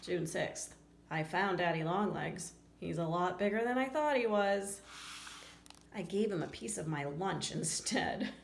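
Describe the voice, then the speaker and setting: A woman whose fairly low voice has vocal fry reads a children's picture book at a measured pace. She acts out the text with expression and chats informally with the young audience in between. There's a roomy echo and faint background noise.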